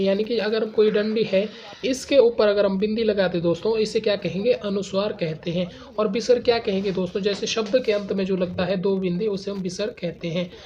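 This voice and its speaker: A man's voice: sits high, background noise. A male teacher giving an exam-prep grammar lesson. He keeps calling his listeners friends, asks questions and answers them himself, and repeats sounds aloud to show how they are pronounced.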